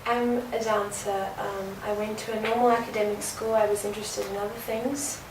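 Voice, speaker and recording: A woman, a dancer answering interview questions in an earnest, reflective way, pausing on fillers. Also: medium pitch, little pitch movement. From South Africa. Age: early 20s. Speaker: guest dancer. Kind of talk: conversational interview. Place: indoor art venue. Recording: roomy, distant mic, noisy background.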